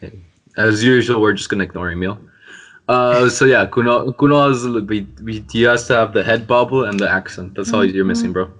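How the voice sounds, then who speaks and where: A man's voice: lowish voice, a little fast, fairly bright tone. A young man, a university student, hosting a casual podcast chat and teasing his friends with jokes. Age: young adult. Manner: teasing, joking banter. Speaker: podcast host.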